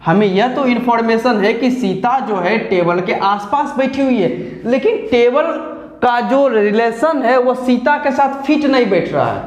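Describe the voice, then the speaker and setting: A man's voice: very high voice, echoey room. A man with a Hindi accent, teaching an English grammar lesson patiently, step by step with repeated examples.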